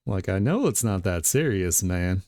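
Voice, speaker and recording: A man's voice: low-pitched, lively intonation, normal speed, mellow, dry recording, studio quality. A man streaming his digital art and chatting casually, laid-back and rambling, with lots of laughter and filler words. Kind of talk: casual chat while drawing on stream. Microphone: desk mic with webcam.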